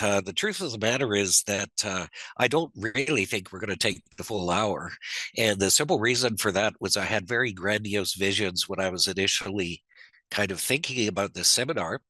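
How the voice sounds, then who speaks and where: A man's voice: on the low side, bright, forceful tone, no echo, low-quality recording. Congested male presenter from Northern Ontario on a video call; dry, close sound; loose, conversational delivery. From Northern Ontario, Canada. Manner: conversational, digressive, self-deprecating asides. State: stuffed up, congested. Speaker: seminar presenter. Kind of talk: online seminar presentation.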